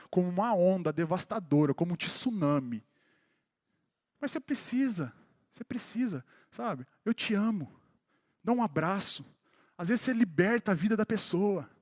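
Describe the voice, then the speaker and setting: A man in his thirties with a Brazilian Portuguese accent, preaching a sermon at a church service and speaking directly to members of the congregation by name. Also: high voice. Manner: grows more fervent and emphatic toward the close.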